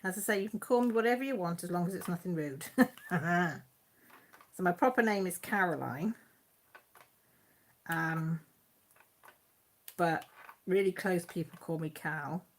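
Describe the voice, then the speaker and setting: This woman runs a YouTube channel and hosts a relaxed live chat there, reading viewers' comments aloud and often breaking into laughter. She speaks with a Mid Wales Radnorshire accent in a lowish voice, a little slow and with frequent pauses, over slight background noise. She comes across as chatty and homely.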